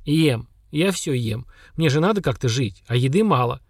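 A man voicing an ancient, simple-minded lake monster, speaking in slow, blunt, flat statements. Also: medium pitch, dry recording, studio quality. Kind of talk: audiobook character voice.

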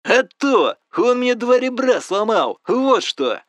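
A man voicing a furious, beaten-up young man in audiobook dialogue, shouting insults and ranting. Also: high-pitched, sing-song, takes it slowly, no echo, exaggerated voice.

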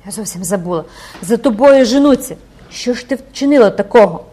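A woman's voice: mid-range voice, normal speed, darkish tone, lightly acted. A woman voicing an older mother, torn between tearful joy and terror, who cries out prayers to God. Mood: frantic. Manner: emotional, exclaiming prayers. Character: older grieving mother, frantic and overjoyed.

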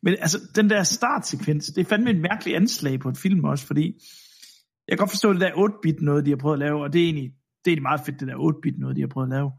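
A man's voice: a little high, vocal fry, breathy edge. A man from Denmark co-hosting a film podcast, chatting casually and laughing as he mimics accents. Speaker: podcast co-host.

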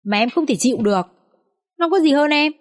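A woman's voice: expressive, a little fast. Woman putting on a clingy jealous young mistress. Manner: pleading and whining, pitched up.

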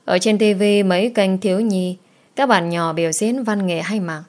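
A woman voicing a grieving young mother who gently coaxes her daughter. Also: mid-range voice, steady tone, moderate pace, natural voice. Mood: coaxing.

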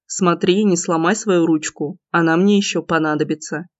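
Woman doing a smug teasing young guy, low murmury voice, dull dry sound. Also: fairly even intonation, normal speed, no room sound, close to an everyday voice. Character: cocky teasing young man, the heroine's lover. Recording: dull, slightly lo-fi dry recording.

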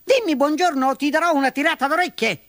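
A woman voicing a cheeky, crafty male rabbit in a storybook reading, with a high squealing voice. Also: big pitch swings, a little slow, no room sound. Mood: angry.

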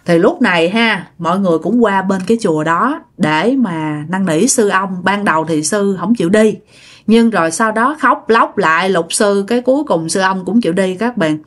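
A woman's voice: mid-range voice, moderate pace. A woman telling a ghost story in a chatty way, talking straight to her listeners. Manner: chatty, addresses listeners directly. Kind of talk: casual spoken ghost story.

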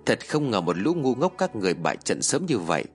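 A man's voice: lowish voice, sing-song, fairly quick, soft background music. A man voicing a taunting male sorcerer heard from a voice recorder, gloating with contempt. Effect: recorded voice played from a pen recorder.

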